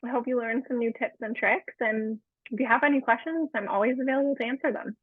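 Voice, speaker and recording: Woman dietitian, 30s, webinar guest; friendly explainer with lots of fillers, higher voice, tinny phone-like audio, dry. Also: quick pace, husky, no echo. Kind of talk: live webinar cooking demo. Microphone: remote webinar call.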